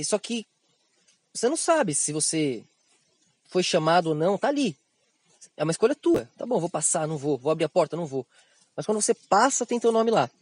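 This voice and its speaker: Brazilian man, high pitch, dry close sound, animated esoteric teacher who slips into slang and mimics others. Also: dry recording. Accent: Brazilian Portuguese. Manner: animated, slangy, acts out quotes in raised voices. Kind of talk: esoteric spiritual monologue.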